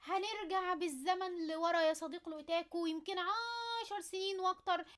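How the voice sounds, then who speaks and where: An excited woman anime fan with an Egyptian Arabic accent, hosting a chatty, playful commentary and talking straight to the viewer. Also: very high voice, brisk. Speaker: anime video host. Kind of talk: casual anime commentary to camera.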